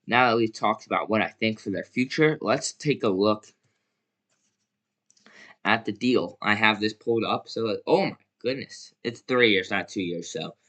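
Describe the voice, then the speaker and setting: Speaking at a normal speed in a slightly bright, low-leaning voice, a young basketball commentator shares his views alone and informally. He rambles, fixes his own statements and uses lots of fillers.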